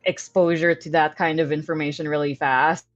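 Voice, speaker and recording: Low-pitched woman chatting on a livestream. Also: level tone, normal speed, no echo, lo-fi sound. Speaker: livestream co-host. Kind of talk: casual chat.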